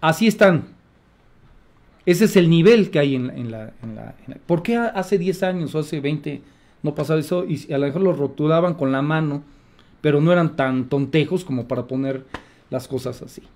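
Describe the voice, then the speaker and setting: A man's voice: on the high side, normal speed, a little mellow. A man with a Mexican accent, giving sarcastic, indignant opinion commentary as a radio host.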